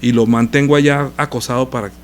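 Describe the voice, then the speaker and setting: A man's voice: mid-range voice, fairly even intonation, a little fast, a little hiss or hum. A male pastor preaching a sermon, reading scripture aloud and stopping to explain it with rhetorical questions.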